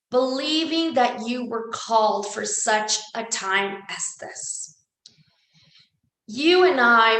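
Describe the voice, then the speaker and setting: Her voice sits high and a bit bright as this Spanish-speaking Salvadoran woman earnestly inspires her audience, repeating words for emphasis. The recording has an echoey room sound.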